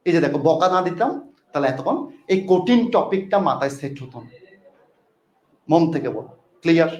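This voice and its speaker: Male tutor, high voice, repeats and coaxes students, roomy echo. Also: animated, a little fast, darkish tone, muffled recording. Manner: repetitive, coaxing teacher talk. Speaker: English tutor. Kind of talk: online class lecture.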